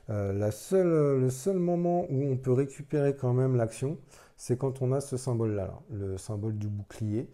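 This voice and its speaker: A man's voice: medium pitch, warm tone. A man casually playing a solo board game, thinking aloud as he explains the rules, with self-deprecating asides.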